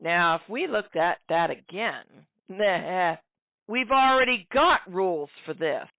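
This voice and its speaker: A woman's voice: on the low side, expressive, takes it slowly, no room sound. A middle-aged woman giving a sarcastic political commentary monologue, often calling her listeners folks. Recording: dry, tinny phone-like sound.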